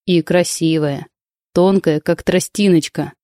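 Audiobook: woman voicing a joking thirtyish guy, slow drawl, mock-grand, warm low tone, dry close sound. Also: no echo, natural voice. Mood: flattering. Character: young male coworker, joking, teasing, about thirty. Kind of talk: audiobook reading.

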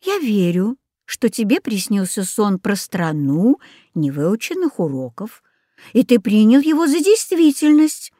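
A woman voicing a gentle, worried mother who speaks softly. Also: high voice, animated, moderate pace, few pauses, no echo, clean studio sound, pitched above the performer's own voice. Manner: soft, hushed.

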